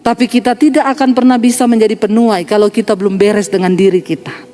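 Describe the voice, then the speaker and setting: A middle-aged woman pastor with an Indonesian accent, preaching a sermon as animated storytelling and often calling her listeners "Saudara". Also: mid-range voice, quick pace, soft background music.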